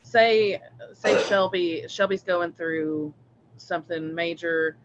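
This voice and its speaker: High-voiced man, hesitant, on lo-fi audio. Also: slow, very noisy. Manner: rambling, hesitant, many fillers and restarts. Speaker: host of a live spiritual reading stream. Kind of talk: casual live-stream chat. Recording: dull lo-fi stream audio.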